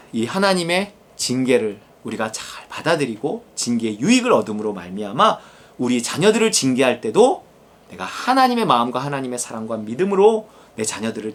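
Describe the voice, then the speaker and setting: A man preaching a sermon as a pastor, animated and vivid, acting out the inner voices of the people he describes. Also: mid-range voice. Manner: animated, acts out quoted inner voices and God's address.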